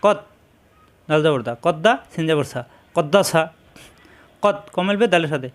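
High-pitched male teacher, slow and patient, repeats sounds and corrects them. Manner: repeats syllables slowly, corrects pronunciation. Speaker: Quran reading teacher. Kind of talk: slow drilled lesson.

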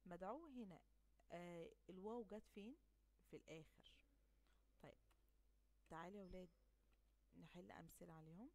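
A woman's voice: medium pitch, darkish tone. Egyptian woman teaching young children. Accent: Egyptian Arabic. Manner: stretches out example words slowly and clearly; asks questions and answers them herself. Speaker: primary school teacher. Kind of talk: recorded classroom lesson.

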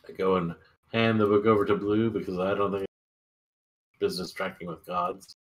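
Man, tabletop player, low voice, echoey, joking. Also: level tone, moderate pace. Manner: joking, chatty. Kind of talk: casual chat at a game table.

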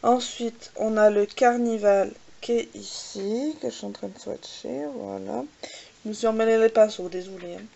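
Recorded muffled, this woman speaks in a mid-range, creaky, warm voice with fairly even intonation. She hosts an easygoing makeup swatch vlog, talking haltingly with "euh" fillers and repeated "voilà," and jokingly mocks her own English pronunciation.

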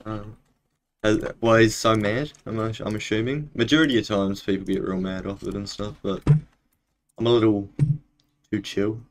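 Low-voiced man with a broad Kiwi accent. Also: fairly even intonation, normal speed. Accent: New Zealand. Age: young adult. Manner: laid-back, slangy. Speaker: game streamer. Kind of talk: casual chat while live-streaming a game. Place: small indoor room at home.

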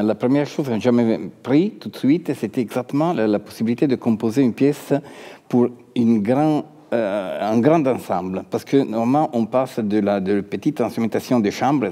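A man in his sixties with an Italian accent, a composer talking unscripted in halting non-native French, repeating words as he searches. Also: on the low side, mellow. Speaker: composer, interview guest. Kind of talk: unscripted talk about own work. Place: large dark concert hall stage, indoors. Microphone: headset. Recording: long hall reverb of a stage.

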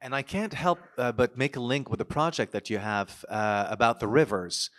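A man's voice: mid-range voice, normal speed, a bit bright. A man moderating a panel in English, hesitant and polite as he introduces questions. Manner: hesitant, polite, many "uh" fillers.

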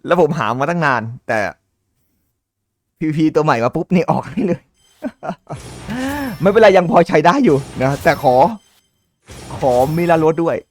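Man, casual game commentary, excitable exclamations, talks to viewers, faint music behind. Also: a little high, moderate pace, pauses often. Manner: excitable, exclaims and laughs at pull results; chatty, addresses viewers directly. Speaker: gaming channel host. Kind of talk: casual gacha pull commentary.

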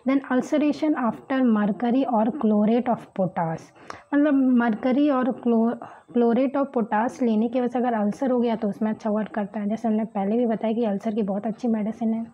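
A woman teaching homeopathy, slowly reading English terms from a book and explaining them in Hindi with frequent "okay"s. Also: on the high side, steady tone, lo-fi sound. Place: indoors at a table, book and pen on camera.

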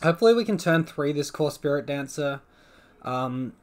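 A young man giving casual live commentary on his own card game match, thinking aloud about each play and swinging between groans and relieved excitement. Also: a little high, normal speed.

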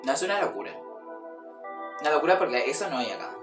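A man's voice: a little high, big pitch swings, fast talker, reverberant, over music. A man with an Argentine accent giving casual reaction commentary, rambling with many fillers and speaking straight to his viewers. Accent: Argentine Spanish. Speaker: YouTube reaction host.

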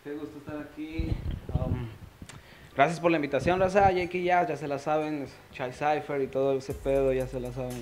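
A man's voice: fairly high pitch, fairly even intonation, moderate pace, a crowd in the background. Laid-back young man. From Mexico. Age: 20s. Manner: laid-back slangy talk, drawled fillers. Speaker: guest rapper. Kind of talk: casual interview. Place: small music studio, indoors. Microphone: handheld mic.

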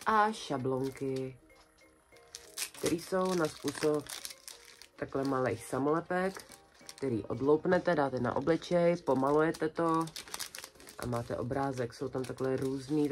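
A young adult woman vlogging in a small bedroom, chatting casually and colloquially as she shows off her purchases one by one to a close camera. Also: very deep voice. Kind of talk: casual haul video chat. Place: small decorated bedroom indoors.

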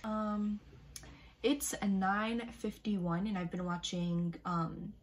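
A teenage girl chats casually to her viewers in a day-in-my-life vlog, filmed in her bedroom on a camera facing her, her talk packed with fillers. Her voice is medium in pitch, level in tone and slow, with slight background noise.

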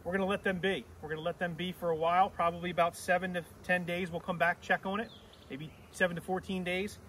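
Through a camera mic a few steps away, with slight background noise, a middle-aged man is heard teaching beekeeping hands-on on a grassy yard. He explains each step plainly in a high, fairly bright voice, talking fast with a flat delivery.

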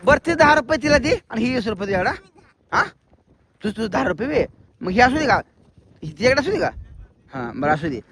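A man's voice: very high-pitched, sing-song, brisk, long pauses, background noise. A man, vlogging a children's contest and repeating instructions to them in a coaxing way. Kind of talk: casual outdoor vlog commentary.

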